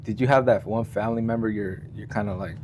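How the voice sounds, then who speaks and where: A man's voice: fairly low pitch, steady tone, quick pace, a little mellow, slight background noise. A man hosting a podcast, mostly giving short agreeing replies during a casual interview.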